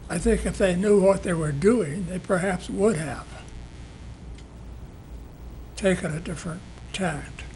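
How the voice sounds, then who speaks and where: Older male citizen speaker, strained raspy whisper, unusually high, halting delivery, faint room noise. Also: darkish tone. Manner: halting, broken phrasing. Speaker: citizen giving public comment. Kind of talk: public comment speech. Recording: noisy public meeting room recording.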